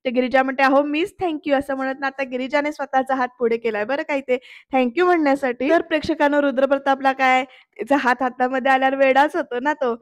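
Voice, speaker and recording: A woman's voice: high-pitched, fairly even intonation, fast, no echo. Chatty woman recapping a serial. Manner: chatty, keeps addressing the viewers. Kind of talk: voice-over episode recap.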